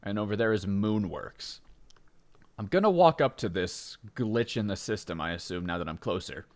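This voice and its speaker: A man doing a let's play chats about his gameplay at a moderate pace, meandering and full of fillers. He keeps interrupting himself, and his voice rises sharply when something excites him.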